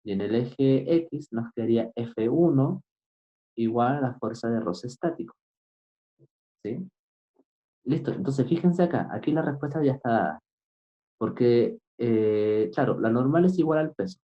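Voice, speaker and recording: A man teaching physics, explaining a problem step by step and often pausing to ask his students if they follow. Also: mid-range voice, expressive. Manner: keeps asking "right?" to check understanding; patient, step-by-step. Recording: dull lo-fi recording.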